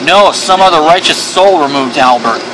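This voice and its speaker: A man voicing a fanatical, righteous monk in a video game, preachy and grandiose, with slow emphatic phrases. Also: a little high, expressive, close to an everyday voice. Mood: zealous. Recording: clearly noisy background.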